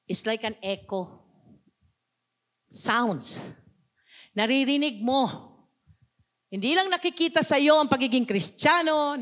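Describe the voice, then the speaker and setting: A woman pastor with a Filipino accent preaching a sermon, switching between languages and asking the congregation questions. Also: mid-range voice. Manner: mixes two languages, asks the congregation questions.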